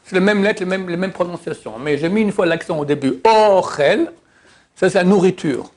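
A man with a fairly high voice gives a casual religious lesson on pronunciation. He draws out example words slowly, sometimes almost singing them. He drops teasing remarks along the way. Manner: lively, drawn-out demonstrations of words, half-sung. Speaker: religious teacher. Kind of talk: informal lesson on Hebrew pronunciation.

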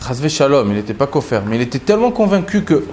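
A man teaching a Talmud story, acting out the quotes with big jumps in pitch. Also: big pitch swings, fast, darkish tone, slight background noise. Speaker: Torah teacher. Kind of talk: lively Talmud story lesson.

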